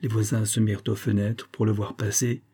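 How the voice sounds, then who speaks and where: Husky-voiced male audiobook narrator. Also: fairly low pitch, level tone, fairly quick, warm tone. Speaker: audiobook reader. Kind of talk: scripted novel narration.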